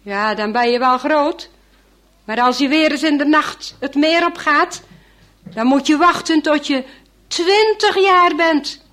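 A woman voicing a middle-aged fisherman who is kind but firm and talks loudly, as if calling over a storm. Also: high-pitched, slow pace, pitched above the performer's own voice. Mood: kindly firm.

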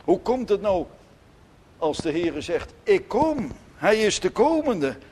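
Slow, emphatic preacher. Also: male voice, sits high, big pitch swings, breathy edge. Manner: emphatic preaching, rising to loud declarations and dropping to soft asides. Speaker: pastor. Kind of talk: sermon. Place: church.

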